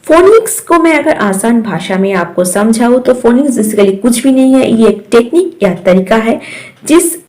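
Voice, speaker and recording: A woman with an Indian accent teaching a phonics lesson to parents, slowly sounding out each letter. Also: on the high side, lively intonation, darkish tone. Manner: slow, drawn-out sounding of letters.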